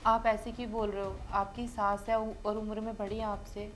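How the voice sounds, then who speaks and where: A caring young housemaid, played by a woman, speaks softly and respectfully in a flat, even tone. Her pitch stays in the middle. Background music runs under her lines in this drama sketch. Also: normal speed, lightly acted. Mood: gentle. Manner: polite, soft, respectful. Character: gentle, caring housemaid, polite and soft-spoken.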